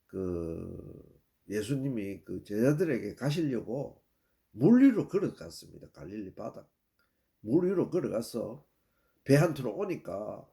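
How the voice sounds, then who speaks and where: Older male preacher, gravelly, plain story-driven sermon. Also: medium pitch, warm tone. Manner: plain storytelling with repeated "예" and restarts.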